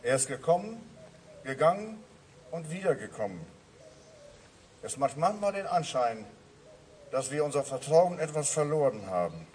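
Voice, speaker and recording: A man's voice: on the high side, big pitch swings, moderate pace, long pauses, darkish tone, far from the mic, slight background noise, low-quality recording. A man preaching a sermon to his congregation, earnest and repeating his refrains. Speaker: pastor.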